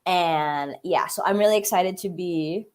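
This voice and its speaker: A woman's voice: on the low side, measured pace, a little mellow, a little hiss or hum. A young woman from the United States, a creative business coach, chatting casually and enthusiastically on a livestream while a bit congested. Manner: chatty, lots of "like" fillers, enthusiastic. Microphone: streaming setup, computer mic.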